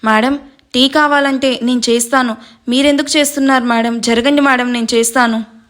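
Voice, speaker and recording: A deferential, fussing woman cook eager to help, as a woman narrator voices her. Her voice is high. It sounds like a read-aloud Telugu story. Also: fairly even intonation, normal speed, a bit bright. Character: polite, giggling female house cook.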